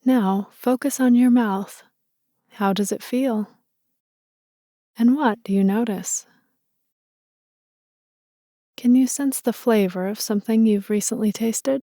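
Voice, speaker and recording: In a slow, unhurried way, a woman leads a meditation with a mellow, soft voice pitched fairly high. Gentle and soothing, she comes across like a motherly guide. The recording is dry and close, with no room around it.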